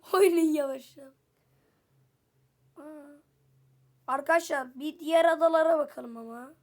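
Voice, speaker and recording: A woman with a high voice runs casual commentary on her game, talking straight to her viewers. She is chatty and exclaims often, and gets flustered when trouble appears. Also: creaky. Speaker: gameplay video creator.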